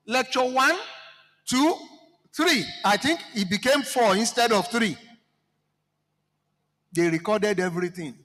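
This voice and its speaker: A Nigerian man with a Yoruba-speaking accent addresses the floor at a seminar, his high, pushed, bright voice ringing through the long reverb of a large hall. Unhurried and impassioned, he throws rhetorical questions at the audience.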